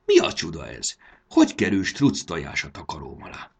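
A man's voice: rumbling low, huge pitch swings, gravelly, breathy edge, full character voice. A man voicing a curious, eager young boy in a storybook reading. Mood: wondering. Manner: eager, wondering exclamations. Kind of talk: audiobook character voice.

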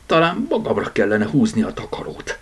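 A man voicing a small sleepy girl who bosses her toys, in a high, breathy child voice. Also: wildly swooping pitch, a bit bright, heavily acted. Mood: puzzled.

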